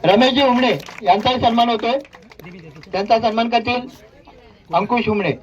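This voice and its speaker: A man's voice: extremely high pitch, lo-fi sound, background noise. A man from Konkan working as announcer at a village cricket prize ceremony, formally reading out names one by one. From Konkan, India. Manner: reads names one by one in a formal, measured listing.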